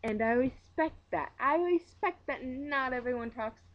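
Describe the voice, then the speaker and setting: A woman's voice: high voice, lively intonation, unhurried. Exasperated Minnesotan woman, dull lo-fi audio. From Minnesota, USA. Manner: exasperated, emphatic, blunt, joking. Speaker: book reviewer. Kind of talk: casual opinionated vlog rant.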